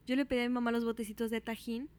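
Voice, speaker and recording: A woman's voice: rapid-fire, smooth. A woman with a Mexican accent telling a childhood story in casual chat, acting out the voices of the people in it. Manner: animated, acts out quotes with big pitch jumps.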